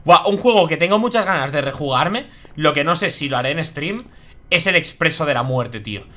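A young man from Spain with a Spanish accent talks through a horror game on a live stream, reacting out loud and swearing casually. His pitch swings widely and the tone is bright and tense. His voice sits a little higher than most men's. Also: lively intonation, fairly quick. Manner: chatty, swears freely, reacts aloud. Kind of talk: live gameplay commentary.

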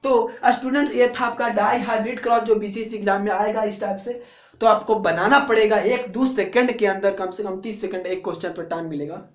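A man's voice: high voice, steady tone, a little fast. Bihari-accented man drilling biology answers. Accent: Bihari Hindi. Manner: drills answers by repeating them in a chant; colloquial and coaxing, keeps checking "theek hai na". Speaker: biology teacher. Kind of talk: exam-prep lecture. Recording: echoey room.

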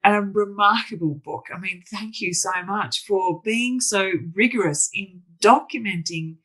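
A woman's voice: mid-range voice, measured pace, a bit bright, low-quality recording. A woman hosting a podcast interview, talking enthusiastically in long rambling sentences full of restarts. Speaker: podcast host. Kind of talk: conversational interview.

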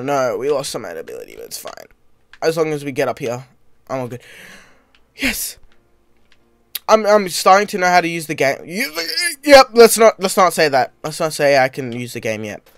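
Excitable man narrating gameplay. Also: a little high, dry recording. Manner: excitable, yelping and shouting at mishaps. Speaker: gaming channel host. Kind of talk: let's-play commentary.

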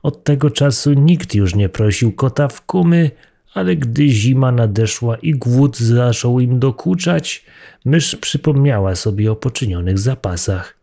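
A man reading a fairy tale aloud in a slow, expressive storytelling manner. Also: medium pitch, vocal fry.

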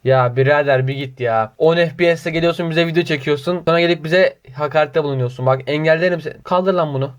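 A man's voice: fairly high pitch, fast, hardly any pauses. A man reads viewer comments aloud in a casual vlog, answering them with mock outrage and sarcastic teasing. He mutters the same filler phrases over and over in a sing-song way between comments. The audio is slightly dull and lo-fi. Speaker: YouTuber reading viewer comments.

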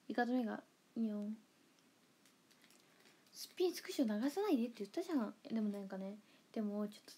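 This idol livestreamer from Kansai, Japan, is a young woman with a husky voice that is a little high and a little mellow. She reads viewer comments aloud in a playful, Kansai-accented chat, full of giggles and murmured asides.

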